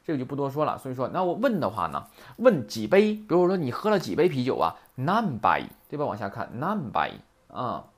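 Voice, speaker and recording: A man's voice: mid-range voice, huge pitch swings, a little fast. A man teaching Japanese grammar in a chatty lecture, often asking rhetorical questions. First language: Mandarin.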